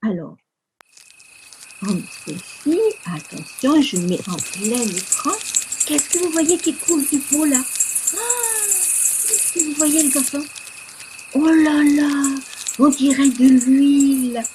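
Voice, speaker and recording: A woman with a French accent leading a children's Sunday school lesson, speaking slowly with exaggerated, exclamatory storytelling for kids. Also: high-pitched, background noise. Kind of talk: animated lesson for young children.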